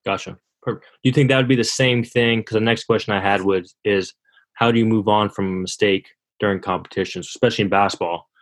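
A man's voice: fairly low pitch, quick pace. Laid-back man asking listener questions. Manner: relaxed, reads listener questions. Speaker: podcast host. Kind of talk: interview questions.

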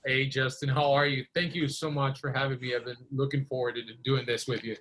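A Costa Rican blues guitarist, a native Spanish speaker, appears as a podcast guest and tells anecdotes in an informal interview. His medium-pitched voice is flat, brisk and a bit bright, and the recording is rough.

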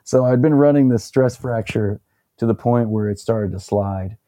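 A young man casually recounting a story as an interview guest, relaxed and rambling with plenty of fillers. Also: medium pitch, normal speed, no echo.

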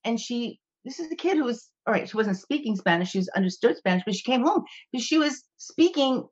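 A woman podcast guest telling animated, rambling anecdotes in casual conversation. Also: on the high side, fairly quick, slightly rough, dull audio.

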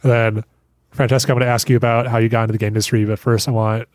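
A man hosting an interview, asking relaxed questions at an easy pace. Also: mid-range voice, racing, dry recording, studio quality. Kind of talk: conversational interview.

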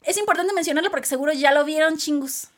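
A woman, co-hosting a casual chat that reviews a TV drama, chatty and expressive. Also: sits high. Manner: chatty, expressive, quick asides to listeners. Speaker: podcast co-host.

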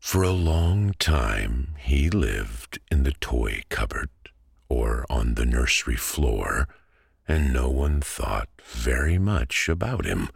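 A man narrating sleep stories in a slow, soothing, hushed way, with a husky low voice. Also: no room sound, clean studio sound. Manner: slow, calming, hushed delivery. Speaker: podcast host and sleep story narrator.

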